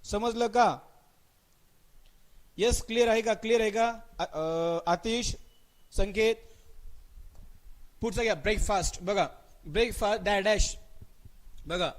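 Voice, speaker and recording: A man with a Marathi accent teaching an English grammar exam-prep class live online. He calls on students by name, repeats his questions and answers, and drags out the example sentences slowly. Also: high-pitched. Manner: mixes English words into his speech, stretches out spoken example sentences.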